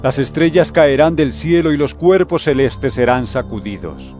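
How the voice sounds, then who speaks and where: A man playing Jesus as a solemn, deliberate teacher in a scripture audio drama. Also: mid-range voice, expressive, darkish tone, soft background music, close to an everyday voice. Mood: solemn warning. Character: Jesus, solemn adult male teacher warning and instructing disciples.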